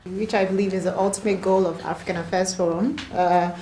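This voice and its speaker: A woman's voice: fairly low pitch, fairly even intonation, brisk, mellow. A woman moderating a panel discussion, speaking earnestly and with conviction, often repeating words. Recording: echoey room, faint noise.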